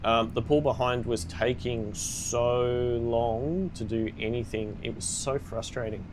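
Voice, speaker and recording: A man's voice: medium pitch, fairly even intonation, measured pace, background noise. Chatty man streaming a farming game. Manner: chatty, upbeat, frequent 'ooh' exclamations. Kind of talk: live gameplay commentary, chatting with viewers.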